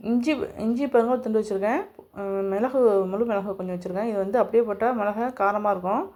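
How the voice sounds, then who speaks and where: Fast-talking woman demonstrating a home recipe. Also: medium pitch, a little mellow. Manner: homely step-by-step instructions, speaking to viewers directly. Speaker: cooking channel host.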